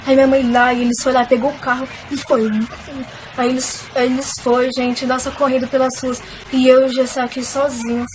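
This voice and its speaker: High-voiced woman telling a story. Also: flat delivery, brisk, slight background noise, poor audio. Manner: emotional, addresses viewers, many fillers. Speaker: vlogger. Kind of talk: personal faith testimony, casual storytelling.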